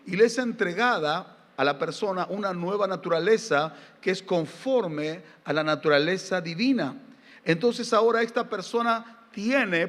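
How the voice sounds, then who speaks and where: A middle-aged Argentine pastor preaching with a high, ringing voice. He fires rhetorical questions at the congregation and mixes in folksy, humorous family stories. The sound carries the long reverb of a church hall. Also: a bit bright. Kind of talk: sermon. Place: church sanctuary during a live service.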